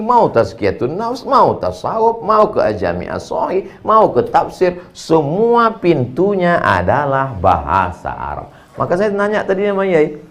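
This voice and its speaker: A man preaching a humorous sermon to students, animated and jokey, reciting word lists in sing-song runs. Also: high voice.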